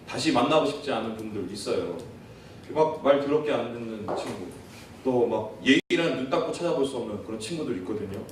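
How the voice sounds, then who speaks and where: A man's voice: medium pitch, expressive, brisk, a little hiss or hum. A man preaching a sermon as pastor, earnest, often turning to the congregation with questions and acting out quoted prayers. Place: church sanctuary. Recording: echoey church hall, far from the mic.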